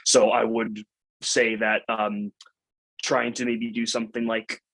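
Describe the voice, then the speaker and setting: A man's voice: on the low side, little pitch movement, measured pace, fairly bright tone, rough recording. A man answering questions on a community call, hesitant and often restarting his sentences. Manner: hesitant, with many restarts and "uh" fillers. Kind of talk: casual Q&A answers. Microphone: video call.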